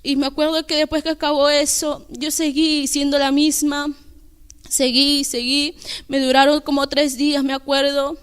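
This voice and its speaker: A young woman giving an earnest, halting personal testimony at church, with many restarts. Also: sits high, little pitch movement. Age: young adult.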